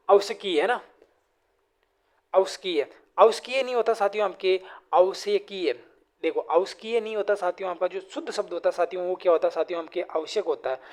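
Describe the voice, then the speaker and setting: A man teaching grammar in an online exam-prep lesson. He keeps asking the class questions and drills correct and incorrect word forms. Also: high-pitched. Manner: repeats questions to the class, constantly addressing students as friends.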